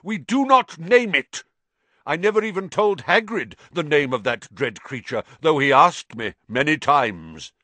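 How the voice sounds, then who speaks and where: A man voicing an ancient male giant spider, croaking and grave, speaking slowly in a storybook reading. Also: medium pitch, very animated, fairly bright tone, no echo, voice pushed up. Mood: fierce. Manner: slow, grave pronouncements.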